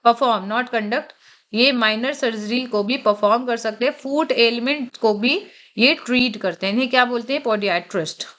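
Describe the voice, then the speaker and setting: A woman teaching an exam-prep vocabulary lecture, her voice sitting slightly high. She explains step by step, posing questions to the class and answering them herself, and slips English terms in as she goes. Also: normal speed, a bit bright.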